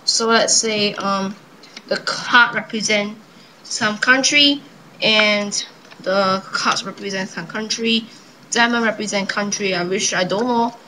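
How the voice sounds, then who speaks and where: A young woman casually presenting a card trick, improvising her patter in a hesitant, halting way. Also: mid-range voice, sharp tone. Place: indoors at a table. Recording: noisy home webcam-style recording.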